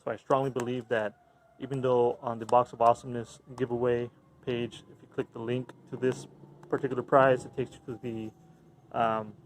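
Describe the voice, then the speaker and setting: A man's voice: medium pitch, flat delivery, moderate pace, a little hiss or hum, low-quality recording. A young man chatting casually and enthusiastically to camera as an airsoft reviewer, using informal slang. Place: backyard outdoors, later a room indoors.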